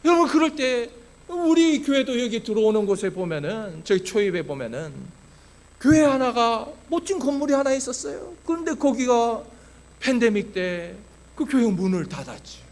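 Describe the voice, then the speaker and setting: Impassioned high-voiced male pastor preaching. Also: very animated, normal speed. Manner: impassioned preaching, swinging from hushed to loud. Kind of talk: sermon. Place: church sanctuary.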